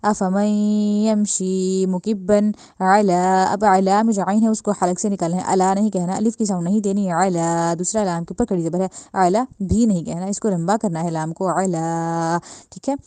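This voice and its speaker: A woman teaching Quran recitation, slowly sounding out each word and repeating the correct and incorrect forms. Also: fairly low pitch, steady tone, warm tone, dry recording. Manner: drills words slowly, contrasts wrong and right forms. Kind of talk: step-by-step pronunciation lesson.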